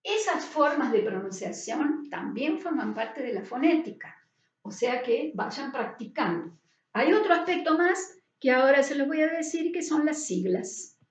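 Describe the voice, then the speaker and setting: A woman's voice: high-pitched, very animated, a little slow. A woman teacher, lecturing and checking in with her students with a frequent "right?". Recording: roomy, distant, dull sound.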